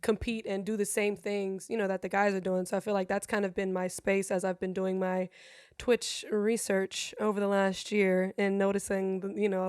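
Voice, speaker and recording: Her voice mid-range and a little mellow, a guest streamer from Germany, a native German speaker, talks in English during a casual interview chat. She's rambling and blunt, swearing freely, and the close, clean recording has no room sound.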